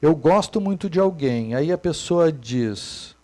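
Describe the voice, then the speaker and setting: Guy teaching buddhism, kinda high voice, really lively up and down. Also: unhurried. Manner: animated, swings between soft and emphatic. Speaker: meditation teacher. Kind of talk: Buddhist dharma talk.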